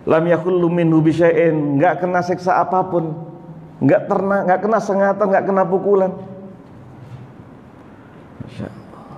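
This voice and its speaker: A man giving a Quran exegesis sermon, telling the story with animated recitation and translation. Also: a little high, a little hiss or hum. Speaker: preacher. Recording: echoey hall, dull lo-fi sound.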